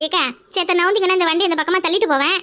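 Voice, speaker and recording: Woman voicing a shrill quarrelsome village auntie. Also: steady tone, sharp tone. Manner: shrill, scolding, rapid-fire taunts. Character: loud quarrelsome middle-aged village woman. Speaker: cartoon character. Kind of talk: cartoon voice acting.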